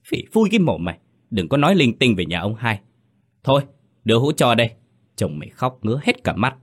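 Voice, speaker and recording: A man's voice: mid-range voice, expressive, brisk, slightly rough, voice pushed up. A man voicing a callous, harsh village mother in a ghost story reading, snapping and scolding.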